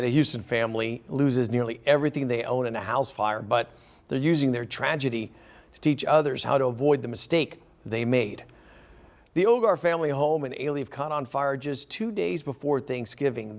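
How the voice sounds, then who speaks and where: A man's voice: medium pitch, creaky, a little mellow. A man working as a news anchor, reading a scripted introduction to a story.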